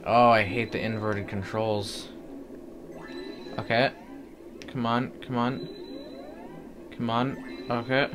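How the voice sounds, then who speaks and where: A man's voice: mid-range voice, steady tone, takes it slowly, pauses often, noisy background. A man giving casual, self-deprecating commentary while playing a video game, groaning and pleading at it. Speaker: gaming commentator. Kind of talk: casual let's-play commentary. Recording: faint game music behind.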